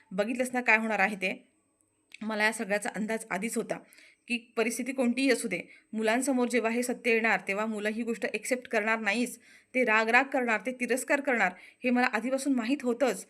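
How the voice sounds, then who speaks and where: A woman's voice: a little high, a bit bright, close to an everyday voice. A woman voicing a regretful man who reproaches someone and blames himself.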